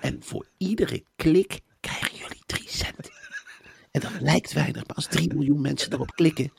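A man's voice: fairly high pitch, moderate pace, gravelly, husky, dry recording, voice pushed up, full character voice. A man putting on the voice of a gushing male publisher coaxing authors, mock-sweet and at times whispering.

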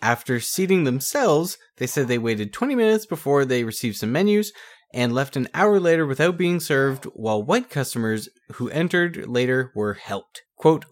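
A man with a very lively, swooping voice co-hosts a casual podcast. He reads news clippings with a joking edge and swears casually. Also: medium pitch. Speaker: podcast co-host. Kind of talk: casual chat reading old news.

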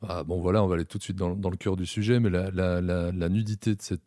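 A man chats as a panelist on a film show. His voice is deep, dark and suave, recorded close and dry. He feels his way through sentences, repeating words as he goes. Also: steady tone, no room sound. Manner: halting, repeats words while thinking. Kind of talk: casual discussion.

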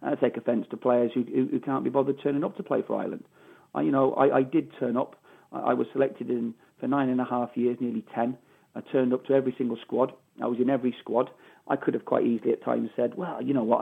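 The speaker, a middle-aged Mancunian from Manchester, England, who used to play football, answers interview questions over the phone, emphatically repeating phrases for stress. He speaks fast in a mid-range voice with little pitch movement, vocal fry, and a slightly rough quality.

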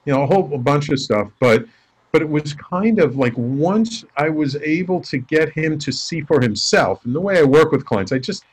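Man telling stories in lively chat. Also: a little high, normal speed, slightly rough. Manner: animated storyteller acting out quoted dialogue. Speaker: life coach and radio host, guest. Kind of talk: casual storytelling interview.

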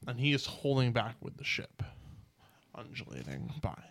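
A man's voice: medium pitch, big pitch swings, normal speed, creaky, fairly bright tone. Laid-back man running a tabletop game. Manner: casual, laid-back narration with dice tallies. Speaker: game master.

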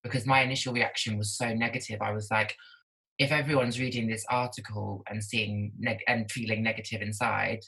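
A woman speaks as a podcast guest over a video call. Her voice is bright and forward. She talks candidly in a loose, chatty way, full of "like" fillers. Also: rumbling low, fairly even intonation, fairly quick, creaky, rough recording. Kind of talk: casual conversation.

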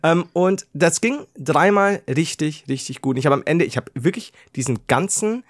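A man in a podcast chat tells a story with a slightly high voice that swings widely in pitch. He laughs often, acts out his own panic and drops to a hushed mutter when quoting his thoughts. The recording is dry and close. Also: lively intonation, moderate pace, dry recording. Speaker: podcast co-host.

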